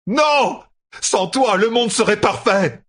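A man voicing a desperate, furious young male hero, shouting in a high, strained voice. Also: expressive, slow, breathy edge, full character voice.

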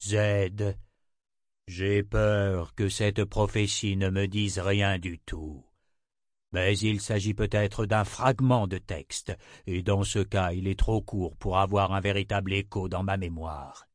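A man reading a fantasy audiobook voices a grave male prophet who muses slowly and hesitantly. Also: sits low, fairly even intonation, dry recording, studio quality, voice pushed down. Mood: brooding.

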